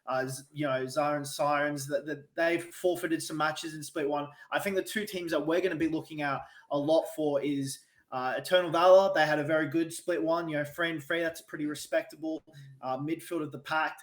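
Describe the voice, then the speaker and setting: A man's voice: fairly high pitch, steady tone, brisk. A man casting an esports tournament, chatting in an upbeat, hype-driven way. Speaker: esports caster. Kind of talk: casual play-by-play desk chat. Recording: roomy echo.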